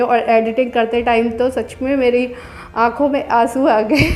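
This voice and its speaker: A woman's voice: a little high, darkish tone. A woman in her thirties, a home vlogger chatting through a casual voice-over, explaining each step in a homely way.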